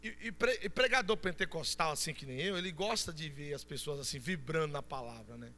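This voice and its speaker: A man with a Brazilian Portuguese accent preaching a Pentecostal sermon, shouting fervently and then dropping to soft storytelling. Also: on the high side, brisk, in a large hall. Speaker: pastor. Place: church.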